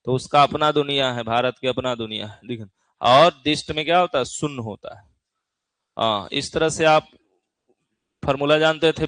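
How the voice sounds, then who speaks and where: A man's voice: on the high side, a bit bright, dry recording. A male physics teacher, lecturing a class in a chatty way, teasing students and often checking that they follow. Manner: keeps asking the class "theek hai na?".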